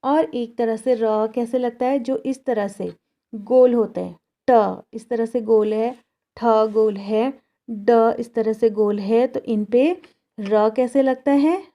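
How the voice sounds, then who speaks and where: A woman's voice: fairly high pitch, slow pace, dark tone. A woman teacher giving a grammar lesson to children, speaking patiently and repeating each word for the pupils. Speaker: school teacher. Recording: dull, lo-fi classroom recording.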